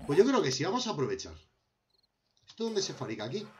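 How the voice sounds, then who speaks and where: A young gameplay commentator from Spain talks fast while crafting in a survival game, speaking with a Spanish accent to himself and to viewers he calls friends. His voice is on the high side, slightly mellow, and swoops wildly in pitch. There's a little hiss or hum in the recording.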